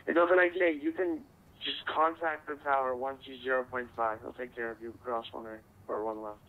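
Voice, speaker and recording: A man's voice: mid-range voice, fairly even intonation, fairly quick. A man working as an air traffic controller over radio, giving procedural instructions in clipped, courteous phrases. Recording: tinny narrow-band radio voice link.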